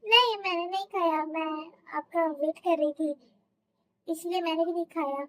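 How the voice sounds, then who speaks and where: A woman voicing a young wife in a fan audio drama. She scolds her husband with indignant firmness. The voice sits very high. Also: fairly even intonation, moderate pace, a bit bright. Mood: soft.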